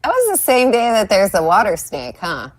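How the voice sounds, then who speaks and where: A woman's voice: mid-range voice, very animated, normal speed, no echo. Young woman guest, casual storyteller, laughs often, dry close sound. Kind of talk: casual chat. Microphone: video call.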